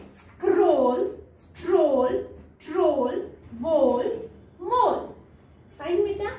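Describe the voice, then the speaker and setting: A woman teaching English phonics online, slowly drilling sounds and words over and over. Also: sits high, dark tone. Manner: slow, drilling sounds and words repeatedly, addresses student as beta. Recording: echoey room, distant from mic.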